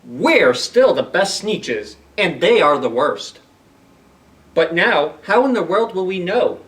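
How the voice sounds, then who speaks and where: Guy doing a snooty indignant beaked critter from a kids book, haughty, drawn out words, highish, bit off mic. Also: big pitch swings, slow, a bit bright, distant mic, full character voice. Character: snooty, indignant storybook bird-like creatures, boastful. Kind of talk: animated storybook reading.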